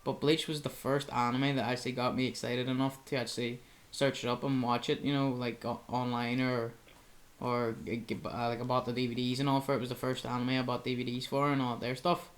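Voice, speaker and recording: A man's voice: medium pitch, level tone, fairly quick. A young man, co-hosting a casual chat and rambling with lots of filler words. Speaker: podcast co-host.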